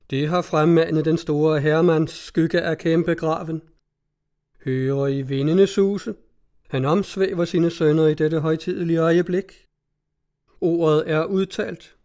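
A man voicing a pompous small-town orator who gives a slow, grandiose speech. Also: fairly high pitch, dark tone, close to an everyday voice.

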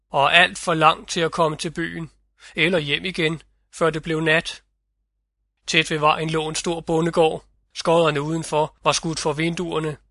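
Guy reading a fairy tale audiobook, slow measured storytelling, bit high voice, dry close sound. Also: sharp tone, no echo. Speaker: audiobook narrator. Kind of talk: scripted fairy tale narration.

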